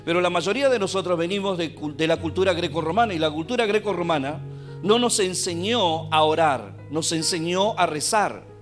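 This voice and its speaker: A man with an Argentine Spanish accent, preaching a sermon as pastor and swinging from quiet asides to emphatic bursts. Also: fairly high pitch, normal speed, faint music behind. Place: church.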